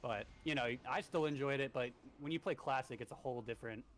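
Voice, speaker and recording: Talking at a quick pace in a mid-range voice, a twenty-something streamer leads a raid, mixing a raid briefing with casual gaming chat in a rambling, relaxed style packed with fillers. Slight background noise is audible.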